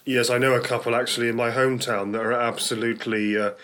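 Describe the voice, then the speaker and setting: British male radio host, mid-pitched, conversational and rambling, halting with repeats. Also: little pitch movement, crowd noise. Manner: hesitant, rambling delivery with repeated words.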